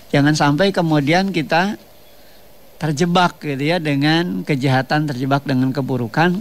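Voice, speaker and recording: Male radio preacher, gravelly mid-range voice, steady teaching delivery. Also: mid-range voice. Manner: measured, explanatory, repeats phrases with tag questions. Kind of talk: radio sermon. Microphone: radio studio microphone.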